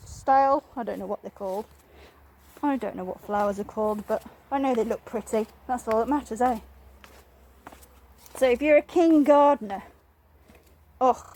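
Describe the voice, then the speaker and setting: A high-pitched woman leads a property tour with chatty enthusiasm, talking straight to the viewer. She sounds slightly out of breath from wearing a mask. The recording comes from a handheld phone, moving between rooms and the garden. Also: darkish tone. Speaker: estate agent. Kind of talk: walk-through property tour. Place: house and garden, indoors and outdoors.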